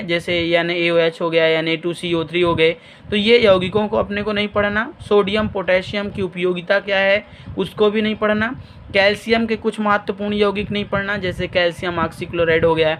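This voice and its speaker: A man's voice: high-pitched, a bit bright, slight background noise. A man with a Madhya Pradesh Hindi accent, a chemistry teacher explaining an exam blueprint over a shared screen and telling students plainly what to study. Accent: Hindi-speaking Madhya Pradesh.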